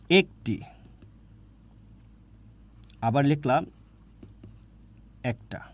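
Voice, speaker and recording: A man's voice: high-pitched, no echo. A man teaching a grammar class online, repeating points and asking questions he answers himself. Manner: repetitive, asks questions and answers them himself.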